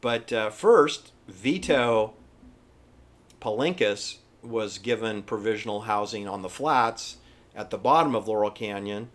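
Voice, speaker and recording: A man giving informal, opinionated history commentary in an emphatic, halting, repetitive manner. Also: fairly low pitch. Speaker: presenter. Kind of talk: informal conspiracy-history commentary over pictures.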